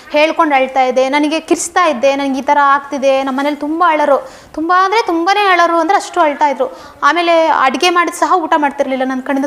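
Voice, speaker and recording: A young woman giving a personal testimony in an interview, telling her story earnestly and repeating herself for emphasis. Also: high-pitched. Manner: fast, earnest storytelling with repetitions.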